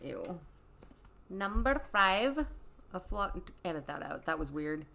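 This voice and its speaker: A woman's voice: fairly low pitch, slow, creaky, a little hiss or hum. A woman co-hosting a casual podcast chat, giggling often as she reads out trivia. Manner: giggly, animated, reading out trivia. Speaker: podcast co-host.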